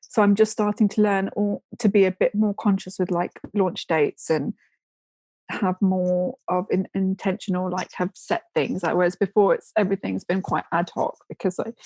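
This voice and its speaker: Woman, podcast guest, chatty, rambling, giggly, mid pitch, dry close recording. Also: fairly even intonation, moderate pace, darkish tone, dry recording. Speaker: podcast guest, ceramics business owner. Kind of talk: casual interview chat.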